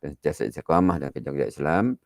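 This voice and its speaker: A man with a Malaysian Malay accent gives an online dawn religious lecture in a chatty, chuckling way, drawing out each verse slowly. His voice sits low with a gravelly rasp. The sound is dry and close. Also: lively intonation, no echo.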